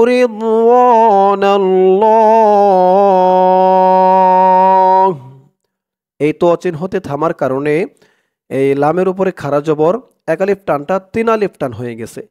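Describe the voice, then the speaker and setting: A man teaching Quran reading, chanting verses slowly and then explaining the rules in quick speech. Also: a little high, darkish tone.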